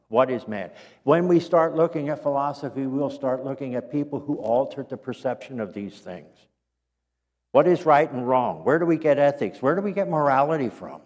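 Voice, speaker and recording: A man teaching a Sunday school class, reading quotations aloud in an earnest, unhurried way and stopping now and then to clear his throat or correct himself. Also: mid-range voice, big-room sound. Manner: corrects himself mid-sentence. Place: church.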